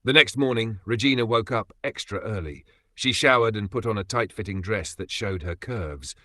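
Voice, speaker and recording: A man's voice: fairly low pitch, moderate pace, bright, forceful tone, no room sound. A man narrating a dramatic story with an emotive storytelling manner.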